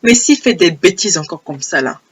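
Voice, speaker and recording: A young woman with a hoarse, low voice telling a personal story in a casual, animated way, repeating phrases for emphasis. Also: normal speed. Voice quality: low broken voice. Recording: old homemade audio.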